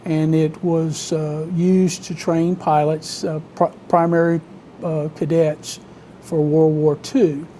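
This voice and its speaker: A man with a Southern US accent from Alabama, telling stories conversationally as an interview guest, in a halting, measured way with frequent pauses. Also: fairly high pitch, little pitch movement, mellow, slight background noise. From Alabama, United States. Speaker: interview guest, vintage biplane owner and pilot.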